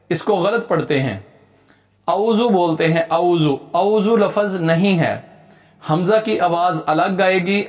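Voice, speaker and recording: A man teaching Quran reading, spelling out syllables and then drawing each whole word out slowly, with quick plain explanations between. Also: high voice.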